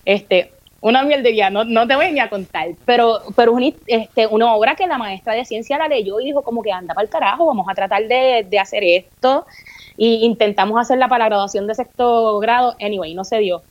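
A woman with a Puerto Rican accent, telling personal stories in a candid, animated way in a casual podcast conversation. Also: fairly high pitch, brisk, hardly any pauses, highs cut off. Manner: candid, animated storytelling with playful mimicry and swearing. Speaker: guest.

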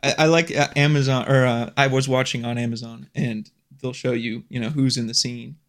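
A man co-hosting a podcast in casual chat, easygoing and quick to laugh. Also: mid-range voice, fairly even intonation, a bit bright. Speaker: podcast co-host.

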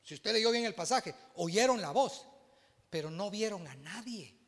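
A Guatemalan pastor preaches a sermon, his voice high and bright with a gravelly edge. He swings between booming exclamations and hushed asides, while long reverb trails through the church hall. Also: animated, unhurried. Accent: Guatemalan Spanish.

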